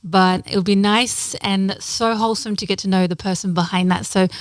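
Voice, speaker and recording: A woman's voice: medium pitch, fairly even intonation, normal speed, dry recording. A woman hosting a talk show, bubbly and playful, sprinkling in Spanish words as she interviews her guest. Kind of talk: casual interview chat.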